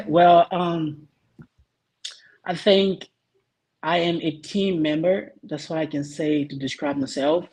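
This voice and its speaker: A man from Liberia answering interview questions earnestly, pausing often with ums while he searches for words. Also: fairly high pitch, fairly even intonation, a little mellow, poor audio. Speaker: guest, youth association vice president.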